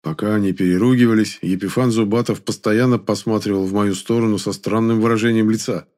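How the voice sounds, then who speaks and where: A man narrating an audiobook in a measured, expressive way. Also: fairly low pitch. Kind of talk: scripted narration.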